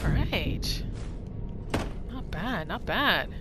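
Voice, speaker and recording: Speaking extremely slowly at a medium pitch, a woman gives playful, casual commentary on her roleplay playthrough. She narrates as she goes, talking expressively to herself and the game over video game music.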